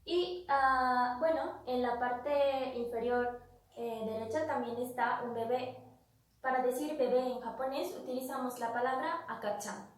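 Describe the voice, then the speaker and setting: A woman teaching Japanese vocabulary, explaining patiently and repeating each word slowly. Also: sits high, fairly even intonation, recorded from a distance. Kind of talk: vocabulary lesson. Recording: echoey room, voice off-mic.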